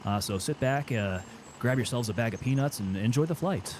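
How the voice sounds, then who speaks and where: A man voicing a calm airline captain making a cabin announcement, in a slow, soothing announcer delivery. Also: medium pitch, a little hiss or hum, pitched below the performer's own voice, natural voice. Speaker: gamer streaming.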